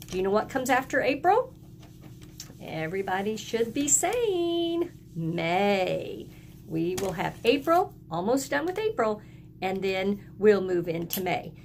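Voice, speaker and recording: With a very animated, mid-range voice and a slightly slow pace, a female teacher leads a lesson for early elementary kids. She cheers them on in simple phrases and has them echo her words, with slight noise in the background.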